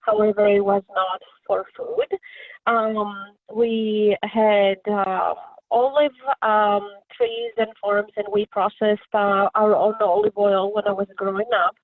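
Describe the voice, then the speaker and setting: A woman's voice: medium pitch, fairly even intonation, slow pace. Hesitant woman from Greece on a phone line. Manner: hesitant, many fillers. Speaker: company founder guest. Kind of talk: casual webinar talk. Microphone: phone call-in. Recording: tinny dry phone line.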